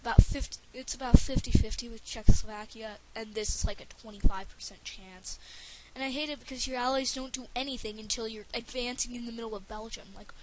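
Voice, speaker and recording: A woman's voice: fairly high pitch, steady tone, fairly quick, hardly any pauses. A woman giving casual gameplay commentary for a let's play, rambling and stumbling over her words with lots of fillers. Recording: faint hiss under the voice.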